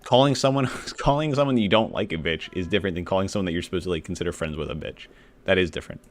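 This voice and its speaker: A man's voice: sits low, very fast. A man reacting to an argument on a stream with amused side remarks. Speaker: streamer commenting. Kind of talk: live reaction commentary.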